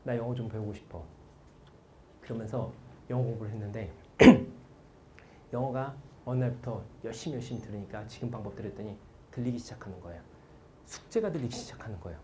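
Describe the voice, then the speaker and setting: A man in his forties giving a lively motivational lecture on study methods to students, telling stories and asking the audience questions. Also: on the low side, slight background noise. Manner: animated storytelling, quotes people, asks the audience questions.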